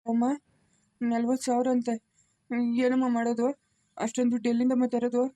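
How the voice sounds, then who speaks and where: Woman as an old rural grandfather: flat, quick delivery, rural Karnataka Kannada accent. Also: a little high, no room sound, close to an everyday voice. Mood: worried. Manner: gentle, soothing, repetitive pleading. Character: worried poor old village grandfather.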